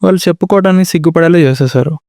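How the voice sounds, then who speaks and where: A man hosting a casual podcast chat, talking calmly and giving short replies. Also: a little high, rapid-fire, creaky, no echo, studio quality. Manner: calm, mostly brief agreeing replies. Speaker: podcast host.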